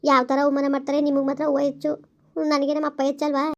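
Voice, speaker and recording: A woman's voice: sits high, completely flat delivery, fast talker, dull audio. A woman voicing a caring but defiant young village daughter-in-law with a rural Karnataka Kannada accent, in a village family drama.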